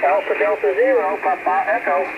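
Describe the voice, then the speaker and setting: A man running an amateur radio net over the air, reciting call signs and saying "roger" in clipped radio procedure. He is heard through a shortwave radio with heavy static. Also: a little fast. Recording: lo-fi radio receiver with loud static.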